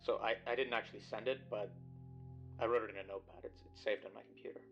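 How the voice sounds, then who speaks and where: A man voicing a hesitant, anxious man on a call, halting and stammering, his voice bitcrushed and crunchy. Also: on the low side, steady tone, lo-fi sound, faint music behind. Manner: halting, stammering, repeats words.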